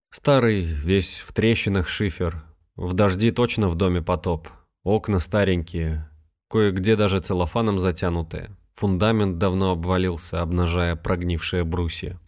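A man narrating a scripted story in an even, measured reading. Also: low-pitched.

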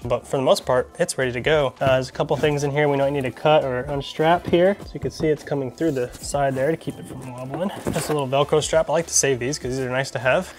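A man hosting a casual vlog, talking in an enthusiastic, chatty way with frequent fillers. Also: a little high. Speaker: mountain bike vlogger. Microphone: shotgun or wireless mic.

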